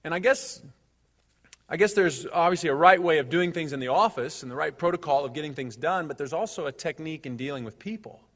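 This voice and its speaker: A man's voice: fairly high pitch, brisk, fairly bright tone. A man giving a motivational speech to a live audience, upbeat and joking, drawing the crowd into call-and-response. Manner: upbeat, joking, gets the audience to repeat phrases. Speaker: motivational speaker. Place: large hall with an audience. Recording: long hall reverb.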